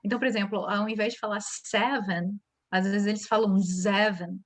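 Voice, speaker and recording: A woman's voice: mid-range voice, steady tone, brisk. A woman from Brazil, an English teacher, answering interview questions in a chatty way, explaining with examples.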